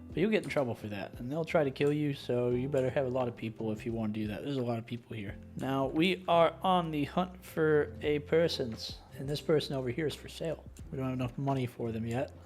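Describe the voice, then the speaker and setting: A man's voice: medium pitch, darkish tone. A young adult man casually commentating his own game playthrough, chatty and self-deprecating. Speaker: gaming video host. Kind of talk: casual let's play commentary.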